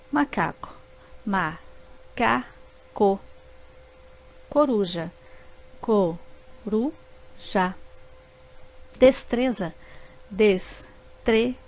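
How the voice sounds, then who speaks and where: A Brazilian woman narrates a scripted lesson for children at a very slow, careful pace. She breaks each word into its syllables as she goes. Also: fairly high pitch, darkish tone. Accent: Brazilian Portuguese. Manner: spells words out syllable by syllable.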